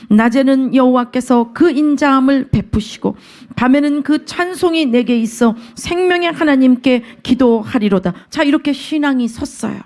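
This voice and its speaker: A woman pastor preaching a sermon, reading scripture aloud and explaining it, her voice swinging between loud emphatic phrases and hushed whispers. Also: high-pitched.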